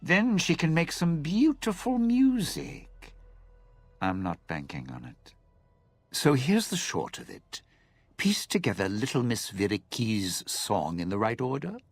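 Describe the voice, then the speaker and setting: An actor playing a bitter, vengeful lounge singer who schemes and sneers, in video game dialogue. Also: male voice, on the low side, dry recording, full character voice. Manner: sneering, drawn-out, sly.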